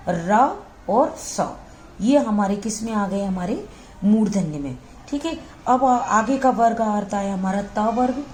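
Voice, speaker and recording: A woman teacher walks her listeners through a lesson, pausing to sound out each letter and asking if they follow. Her voice is mellow and soft-edged. A faint hum of room noise sits behind her. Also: mid-range voice. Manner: patient, repetitive, checks in with "ठीक है" often; models sounds slowly and aloud. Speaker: Hindi grammar teacher. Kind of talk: classroom lesson explanation.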